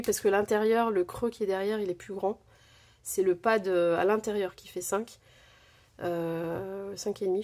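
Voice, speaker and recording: A woman's voice: mid-range voice, dark tone. Chatty woman at her craft desk. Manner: chatty, many fillers and self-corrections. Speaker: crafting channel host. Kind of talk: casual haul vlog.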